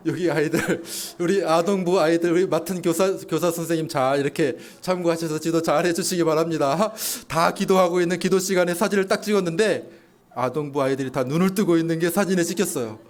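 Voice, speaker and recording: A man's voice: fairly high pitch, a little fast. A male pastor preaching a Sunday sermon, telling stories and acting out voices of patients and doubters. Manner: animated preaching, acts out patients and doubters in raised voice.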